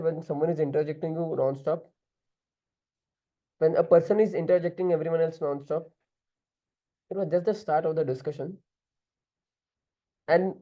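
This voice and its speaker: A man's voice: fairly high pitch, muffled recording. A man with an Indian accent giving direct group discussion feedback as an interview prep mentor, switching now and then into Hindi.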